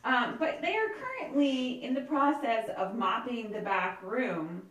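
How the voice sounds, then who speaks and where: A woman's voice: on the high side, lively intonation, a little slow, fairly bright tone. A woman narrating as game master in a chatty, laughing way with many fillers. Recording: echoey room, distant mic, faint ambience.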